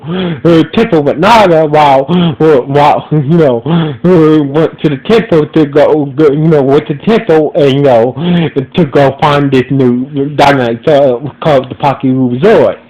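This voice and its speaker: A man hosts a casual, audio-only podcast reviewing episodes, talking with a stuffy nose and rambling through many restarts and fillers. His voice is on the high side with a darkish tone, and the audio quality is poor.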